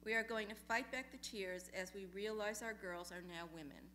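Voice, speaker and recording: A woman reading personal essays aloud in a lecture hall, measured and deliberate, letting phrases linger. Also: medium pitch, bright, forceful tone, slight background noise. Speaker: essay reader at a memorial reading.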